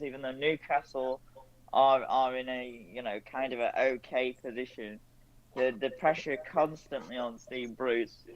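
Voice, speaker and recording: Male host, blunt and frustrated, middle pitch, muffled lo-fi recording. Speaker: co-host of a football stream. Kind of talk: casual football chat.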